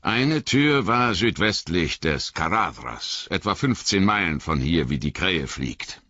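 A man doing a stern, gruff old wizard. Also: deep voice, sing-song, a little slow, bright, forceful tone, dry recording, lo-fi sound, heavily acted. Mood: grave.

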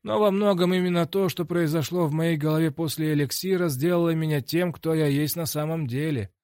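A man doing a breezy, higher-voiced young fighter. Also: a little fast, a little mellow, clear, resonant tone, dry recording, clean studio sound, natural voice.

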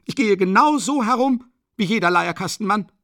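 A man's voice: high-pitched, lively intonation, normal speed, fairly bright tone, no echo, clean studio sound, voice pushed up. A man reading an audiobook, voicing a proud, desperate widow who shrieks in haughty, breathless outbursts. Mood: shrill indignant.

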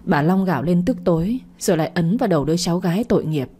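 A woman narrating a scripted audio story in a steady, even manner. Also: on the low side, very fast, slightly rough.

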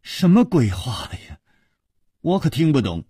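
A man storyteller voicing a quick-tongued young princess who teases and questions impatiently. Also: mid-range voice, sing-song, mellow, slightly rough, dry recording, studio quality, exaggerated voice. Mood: teasing.

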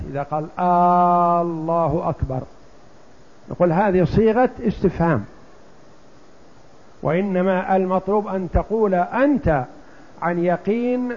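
An older man explaining a religious text, slowly and deliberately, asking rhetorical questions. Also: sits high. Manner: slow, deliberate, drawn-out examples, rhetorical questions. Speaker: sheikh teaching a fiqh text. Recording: dull lo-fi lecture recording.

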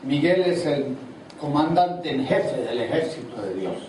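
This older preacher's voice sits on the high side, with lively intonation and an unhurried pace, as he gives a seminar sermon and asks the congregation questions throughout. It was captured far away in a large church hall, echoey and noticeably noisy.

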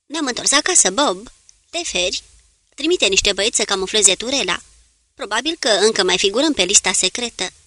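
Woman reading as a calm submarine captain, steady orders, bright crisp voice, dry close sound. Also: medium pitch, dry recording. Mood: calm command. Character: calm male submarine commander.

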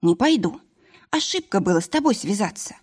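A woman's voice: medium pitch, very animated, fairly quick, a little mellow, husky. A woman reading an audiobook voices a stubborn, tipsy young wife with a pouty, defiant manner.

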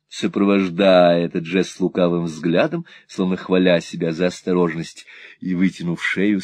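A man narrating a classic novel as an audiobook, in an expressive, theatrical storytelling manner. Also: sits low, no room sound.

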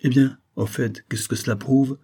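A male narrator voicing a grumpy, evasive young poacher in an audiobook, higher than his own voice. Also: normal speed, darkish tone, breathy edge, natural voice. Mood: surly.

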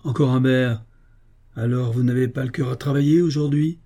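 A man reading the part of a cunning, cheeky young man from the Paris streets who talks in a brisk, scheming way. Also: mid-range voice, steady tone, warm tone, close to an everyday voice. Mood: coaxing.

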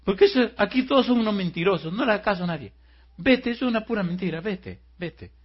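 A pastor acting out a flustered, defensive ugly young man who denies everything in loud, high-pitched bursts. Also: quick pace, close to an everyday voice. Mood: frantic. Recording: muffled lo-fi recording.

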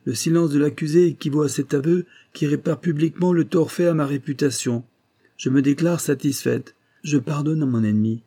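A man reading aloud, voicing a proud, composed young village woman who pleads her case in formal, measured speech. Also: on the high side, warm tone. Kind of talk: audiobook reading.

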